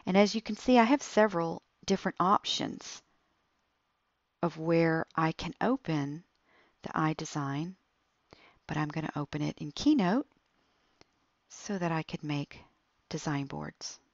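A woman walking through an app tutorial step by step, in a slow, explaining way. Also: low-pitched, no room sound, dull audio. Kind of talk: screen-recorded app tutorial.

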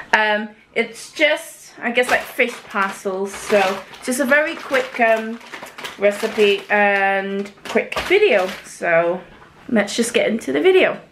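A woman's voice: medium pitch, lively intonation, takes it slowly, background noise. A young woman chatting through a recipe as she cooks in her home kitchen, hesitant and casual with plenty of ums. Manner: chatty, hesitant with many ums, talks while cooking. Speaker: cooking vlogger. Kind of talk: casual cooking walkthrough. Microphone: camera mic in the kitchen.

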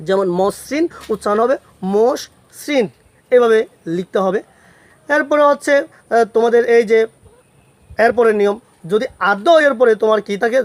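A man teaching a pronunciation lesson to students. He keeps putting questions to the class and answering them himself, and he says each example word slowly and more than once. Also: high-pitched, no echo. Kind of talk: Bengali grammar lesson for students.

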